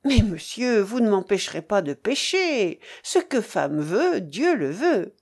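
A woman's voice: medium pitch, sing-song, measured pace, a little mellow, breathy edge, full character voice. A woman reading aloud and voicing a cunning female servant who coaxes and persuades her master. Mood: coaxing. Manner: coaxing, persuasive.

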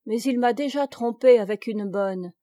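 A woman's voice: on the high side, moderate pace, mellow, no echo, clean studio sound, lightly acted. A woman voicing a frightened, pleading noblewoman. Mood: despairing. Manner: pleading and faltering.

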